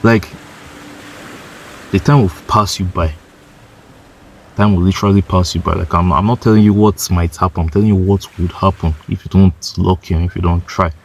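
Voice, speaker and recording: Deep-voiced man in his twenties, blunt motivational vlogger, swears freely, repeats himself for emphasis. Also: fairly even intonation, normal speed, long pauses, a little hiss or hum. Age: 20s. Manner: blunt, swearing, heavy use of "like" and "bro"; insistent, repeats points for emphasis. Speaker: motivational YouTuber. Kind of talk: casual motivational monologue.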